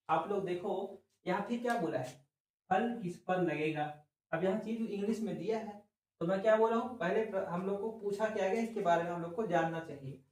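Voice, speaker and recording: A reasoning teacher with a high, darkish voice teaches a class of exam students in a very echoey room, standing some distance from the mic. He explains in a drawn-out way, moving slowly through each step and asking questions he answers himself.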